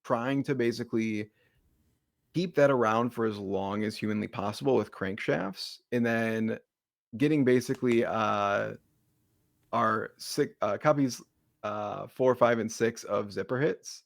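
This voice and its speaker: A man with a slight Boston accent explains his card game deck in a loose, easygoing ramble. His voice sits low with a gravelly edge, recorded dry and close with no room sound. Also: measured pace, no room sound. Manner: relaxed, rambling explanations with many fillers. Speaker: deck builder, co-host. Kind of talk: casual card game discussion.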